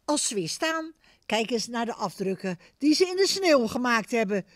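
Expressive woman reading a story to children. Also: on the high side, normal speed. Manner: expressive, addresses the children directly. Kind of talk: reading a picture book to children.

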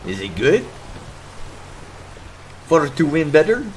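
A man's voice: a little high, wildly swooping pitch, slow, slight background noise, poor audio. A man hosting a game stream, chatting casually and cracking jokes, with the odd swear. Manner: laid-back, joking, swears casually. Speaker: streamer host. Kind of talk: casual gameplay chat.

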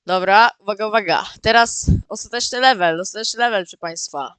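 Excitable bright-voiced man gaming. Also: high voice, a little fast, clear, resonant tone, no echo. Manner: excitable, repeats words, often calls out to viewers. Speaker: gaming video host. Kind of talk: casual gameplay commentary.

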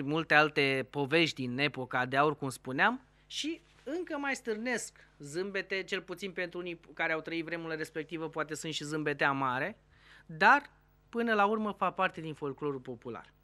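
A TV show host telling a string of jokes, animated, briefly putting on voices for the characters. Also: medium pitch, no room sound.

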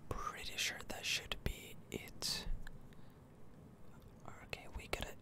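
A gamer quietly whispers ASMR-style remarks over their play, mic held close, pondering at a relaxed pace and pausing uncertainly.

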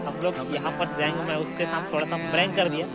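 A man's voice: fairly high pitch, little pitch movement, fast talker. A young man talking to his viewers in a casual travel vlog, chatty and playfully boastful, filmed outdoors on a handheld camera at arm's length. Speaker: vlogger. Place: outdoors, rural roads and temple grounds. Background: loud background music.

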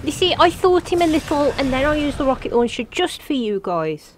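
A woman narrates her own playthrough with jokey, excitable commentary, bantering with the characters on screen. Her voice swings widely in pitch as she reacts. Soft game music plays faintly underneath. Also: fairly quick. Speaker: gaming channel host. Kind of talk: let's play commentary.

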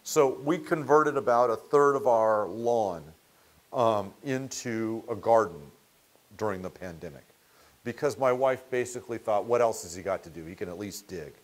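A man's voice: fairly low pitch, normal speed. A middle-aged man giving a seminar lecture to a small audience, telling stories in a conversational way and often restarting words mid-sentence. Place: meeting room with audience.

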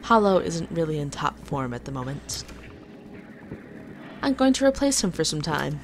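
A woman's voice: sits low, big pitch swings, normal speed, a little hiss or hum. A woman voicing a sly, theatrical male cat-man from a video game in a toned-down sleazy salesman manner. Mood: gleeful scheming. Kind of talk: reading video game dialogue in character.

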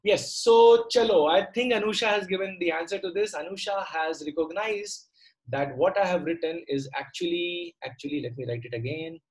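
A middle-aged male teacher speaks with a South Indian accent in a moderately high voice. He explains things step by step in a conversational way, often repeating a phrase and stopping to ask short questions of his students. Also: brisk, low-quality recording. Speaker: maths teacher. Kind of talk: online lesson, explaining step by step. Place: indoor room, online class on a computer.

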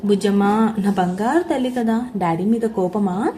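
A woman's voice: medium pitch, a little slow, warm tone, slight background noise, close to an everyday voice. A woman voicing an affectionate middle-aged father who jokes with his son-in-law and coaxes his daughter. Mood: coaxing. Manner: fond, coaxing.

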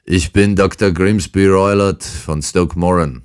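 A man voicing a huge, brutal older man in an audiobook, talking in a rude, shouting, insolent way. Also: sits low, fairly even intonation, measured pace, clear, resonant tone, pitched above the performer's own voice. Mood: insolent, angry. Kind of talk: audiobook character reading.

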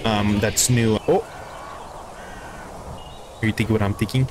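A young man giving casual, excitable commentary as he plays a video game, talking to himself about what he sees. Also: lowish voice, unhurried, noisy background. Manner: chatty and excitable, talks to himself while playing. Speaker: gaming YouTuber. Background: game music.

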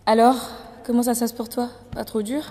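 A woman playing a high-strung, bossy actress on a film set. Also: little pitch movement, fairly quick, warm tone, big-room sound, slight background noise, lightly acted. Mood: friendly. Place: large warehouse film set.

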